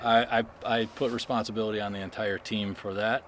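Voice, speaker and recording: A man doing play-by-play for a high school baseball game, chatty and self-deprecating as he jokes with his co-host. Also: little pitch movement, brisk, fairly bright tone, a little hiss or hum. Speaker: play-by-play announcer.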